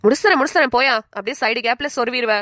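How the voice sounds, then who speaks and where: A woman voicing a brisk, teasing female lawyer in a cartoon. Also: high-pitched, sharp tone, pitched above the performer's own voice.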